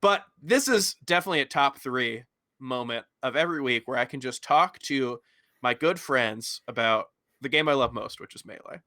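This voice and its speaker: A man's voice: mid-range voice, animated, normal speed, bright, forceful tone, no echo, studio quality. A man hosting a casual podcast, joking and laughing often as he talks with friends. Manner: jokey, laughs often, playful bits. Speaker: podcast host.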